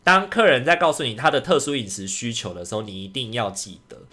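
A man co-hosts a casual podcast and tells his story at a rapid clip. His voice sits at an ordinary middle pitch. He speaks with animated indignation and acts out the lines of the people in the story. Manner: animated, indignant retelling with acted-out quotes. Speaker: podcast co-host.

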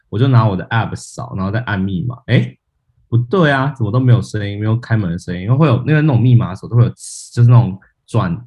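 Man, low voice, casual podcast storytelling, self-mocking, acts out quotes, dull lo-fi sound. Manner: animated storyteller, laughs at himself, acts out quotes. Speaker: podcast co-host.

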